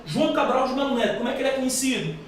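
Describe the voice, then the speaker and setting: A man's voice: extremely high pitch, expressive, rapid-fire. A male teacher with a Brazilian Portuguese accent running a live exam-prep class, quizzing the room in an emphatic, slangy way. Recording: echoey room, far mic, faint noise.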